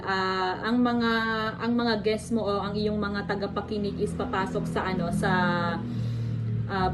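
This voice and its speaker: A young Filipino woman with a Filipino accent, explaining a class topic in a fairly high voice. She mixes Tagalog and English with plenty of fillers. Faint noise hums behind her. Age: young adult. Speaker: student presenter. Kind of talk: online class report. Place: at home on an online class call.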